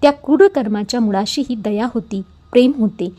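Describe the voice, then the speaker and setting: A woman reading a classic story aloud as an audiobook, earnest and expressive. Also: fairly high pitch, fairly quick.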